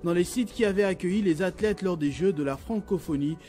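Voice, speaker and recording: A male news anchor with a Congolese French accent, reading the lunchtime news in a measured, formal way. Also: high-pitched. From Democratic Republic of the Congo.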